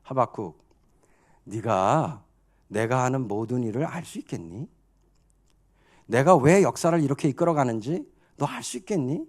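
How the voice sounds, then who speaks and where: A man voicing God as a calm, authoritative figure who firmly questions a prophet. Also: medium pitch, moderate pace, long pauses, pitched below the performer's own voice. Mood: gently challenging. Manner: soothing, firm, fatherly questioning.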